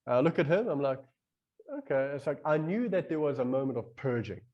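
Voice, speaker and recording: A man in a casual podcast conversation, telling a long story in a rambling, animated way and acting out his own inner voice as he goes. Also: mid-range voice, fast, muffled recording.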